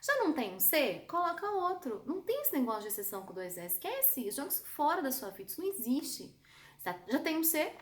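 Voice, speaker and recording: A woman with a Brazilian Portuguese accent teaching an online spelling lesson, lively and chatty, calling her students "amor". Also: high voice, brisk, echoey room.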